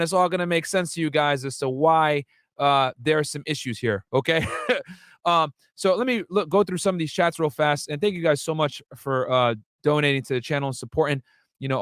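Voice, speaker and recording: Young US man, livestream host, slightly higher pitch, dry close sound, chatty with fillers. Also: a bit bright, clean tone, dry recording. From United States. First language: Arabic. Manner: chatty, many fillers and asides to viewers. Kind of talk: casual livestream commentary.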